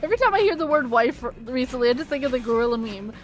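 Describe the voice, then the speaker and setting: A woman's voice: high-pitched, lively intonation, rapid-fire. A woman co-streaming a game, teasing her partner and laughing often. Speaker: streamer co-host. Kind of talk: casual live-stream chat. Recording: game music behind the voice. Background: game music.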